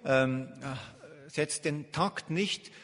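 A man's voice: a little high, drawn-out words, fairly bright tone. A man interpreting a lecture live, hesitant and full of filler sounds as he searches for words. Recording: long hall reverb.

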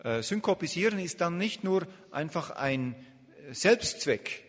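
A man's voice: a little high, lively intonation, unhurried. A man interpreting a lecture live, hesitant and full of filler sounds as he searches for words. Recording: long hall reverb.

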